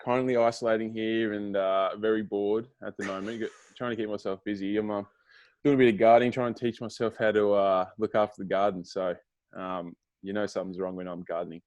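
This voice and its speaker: Young Australian man, podcast guest, easygoing, low voice, dry sound. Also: little pitch movement, fairly quick, darkish tone, dry recording, highs cut off. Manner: laid-back, laughs easily. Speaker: guest, footballer. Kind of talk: casual podcast chat.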